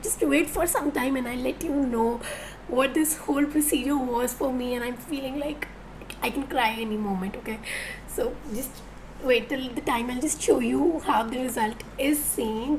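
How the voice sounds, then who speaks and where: A woman's voice: sits high, normal speed, a little mellow, a little hiss or hum, low-quality recording. A young woman with an Indian English accent, talking in an emotional, gushing way to her phone camera as a vlogger. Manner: emotional, gushing, repeats herself. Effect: recorded on a phone video. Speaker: vlogger, new doctor. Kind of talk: casual vlog talk to camera.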